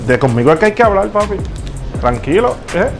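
A man's voice: sits high, sing-song, a little fast, over music. Man playing a boastful fake star singer, Puerto Rican. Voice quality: boastful, pushy, calls everyone papi. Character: male self-important fake famous Puerto Rican singer. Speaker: prank show host. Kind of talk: hidden-camera prank.

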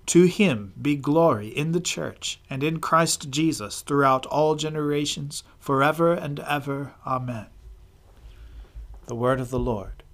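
Man reading scripture in measured tones. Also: a little high, a bit bright. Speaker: worship leader reading scripture and prayers. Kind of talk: formal scripture reading and liturgical prayer.

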